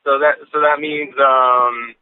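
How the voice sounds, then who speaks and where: A man in his late twenties, talking through his cell phone on speakerphone as a podcast co-host in casual, rambling chat with halting restarts and casual swearing. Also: mid-range voice, fairly even intonation, clear, resonant tone, no echo, phone-quality sound. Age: late 20s. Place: in a car.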